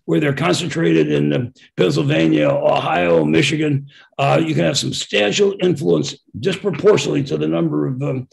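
A man's voice: a little high, moderate pace, vocal fry. A man speaking on a webinar panel, blunt and opinionated, with many stammered restarts. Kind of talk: policy discussion.

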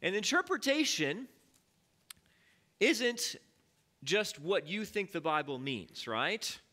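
A man with a high voice and slow pace guides a Bible study in a church sanctuary. His teaching is relaxed and conversational, full of fillers and questions directed at the congregation.

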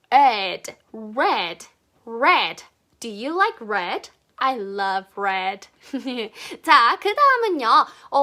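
A woman teaching English pronunciation to children, cheerful, drilling each word in slow drawn-out repeats. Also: high-pitched, bright, forceful tone.

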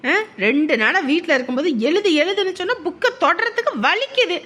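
A woman's voice: very high voice, very animated, a little fast, slight background noise, exaggerated voice. A woman playing a strict mother who scolds her son and argues with her mother-in-law. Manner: scolding, sharp, teasing. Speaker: mother in a family comedy. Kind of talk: village family comedy acting.

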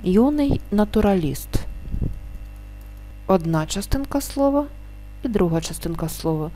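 A woman teaching a grammar lesson, stating each rule and then slowly and carefully sounding out the example words. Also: medium pitch, expressive, dark tone.

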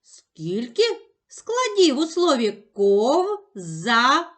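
A woman teaching young children, speaking slowly with exaggerated, sing-song emphasis on each sound and syllable. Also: sits high, big pitch swings, a bit bright. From Ukraine. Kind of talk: slow, clearly enunciated lesson for young children.

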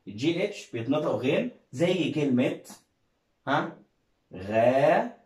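A man's voice: on the high side, expressive, normal speed, reverberant, poor audio. A man with an Egyptian Arabic accent teaching an English reading lesson, coaxing viewers with questions and praise. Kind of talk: classroom-style video lesson.

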